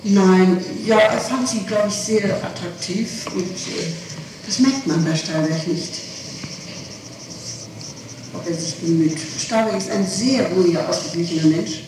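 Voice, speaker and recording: On noisy, echoey 1960s tape, a woman being interrogated gives spontaneous testimony. Her voice is fairly low and unhurried, picked up by a distant microphone in an echoey room.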